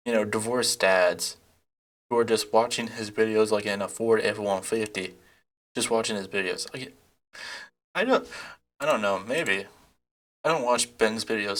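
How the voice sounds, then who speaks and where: A man's voice: lowish voice, fairly bright tone. A man giving casual reaction commentary, rambling and mocking, laughing often. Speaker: YouTube commentator.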